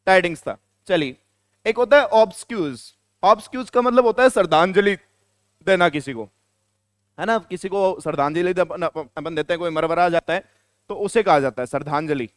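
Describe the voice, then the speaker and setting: A man teaches a classroom lesson in a high, crisp voice. He keeps quizzing his students and repeating the answers. The sound is close and dry, with no room echo. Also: brisk. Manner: questions the students and answers himself, repeating key words. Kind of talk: classroom lecture.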